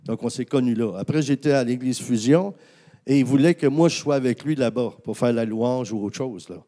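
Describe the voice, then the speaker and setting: A man, a pastor with a Québécois accent, telling a personal story in a sermon, animated, with many fillers and restarts. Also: medium pitch, brisk.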